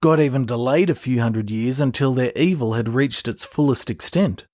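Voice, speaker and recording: A man at a middle pitch talks through a Bible passage in an earnest, explanatory way, like a prepared podcast teaching. His voice sounds close and dry, with no room around it. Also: normal speed, darkish tone, no room sound. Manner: earnest, explanatory, reads scripture aloud. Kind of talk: scripted Bible teaching narration.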